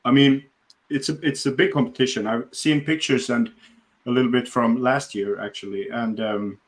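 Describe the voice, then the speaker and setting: A man's voice: medium pitch, steady tone, moderate pace. A man from Sweden, hosting a casual interview podcast and talking with many fillers and restarts. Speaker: podcast host.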